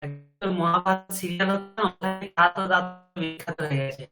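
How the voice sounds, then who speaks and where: A man's voice: high-pitched, brisk, music in the background. A male teacher explaining a lesson over an online call whose audio keeps cutting out and stuttering, often checking that his listeners follow. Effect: audio breaking up like a buffering call connection. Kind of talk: online class lecture.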